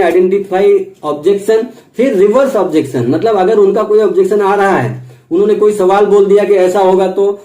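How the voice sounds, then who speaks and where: A man giving a spoken lecture on sales technique, going through his points one by one and slowing down for quoted English phrases. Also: sits high, warm tone, roomy sound, poor audio. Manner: explains points step by step, mixes in English phrases spoken slowly. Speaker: sales and motivational trainer.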